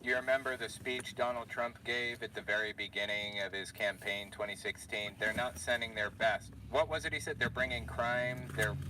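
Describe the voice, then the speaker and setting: A man's voice: medium pitch, fairly even intonation, moderate pace, hardly any pauses, sharp tone, far from the mic, a little hiss or hum, poor audio. A man giving casual, conversational commentary, explaining his point.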